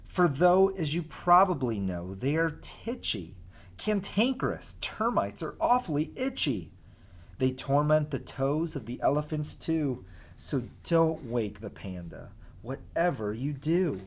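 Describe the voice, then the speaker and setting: A man with a fairly high voice and big pitch swings reads aloud to pupils, unhurried, as their teacher. It's a casual lesson where he explains informally and quizzes the children.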